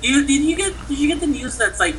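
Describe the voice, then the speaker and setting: Podcast co-host, bright tense voice, halting delivery, faint hiss behind. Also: sits high, lively intonation, low-quality recording. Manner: halting, many restarts and fillers. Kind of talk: casual chat about games and movies.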